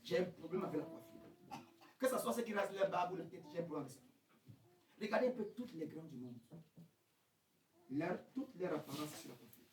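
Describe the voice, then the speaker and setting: High-voiced preaching man in echoey church. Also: fairly quick, long pauses, recorded from a distance. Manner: preaching with shouted high peaks and quiet questioning drops. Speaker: pastor. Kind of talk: French-language revival sermon. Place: church hall. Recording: echoey church sound, from off the mic, faint noise.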